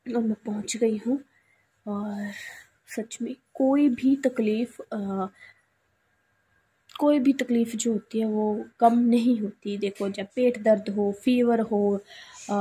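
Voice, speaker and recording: A young woman from Punjab, India, vlogging casually while unwell and short of sleep, talking quietly. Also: medium pitch, breathy edge. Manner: soft, subdued talk, she speaks quietly. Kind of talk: casual vlog chat.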